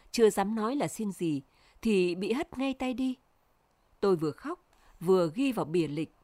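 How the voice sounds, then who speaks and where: A woman narrating a memoir in a slow, measured, mournful reading voice. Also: medium pitch, darkish tone, dry recording. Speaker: audiobook narrator.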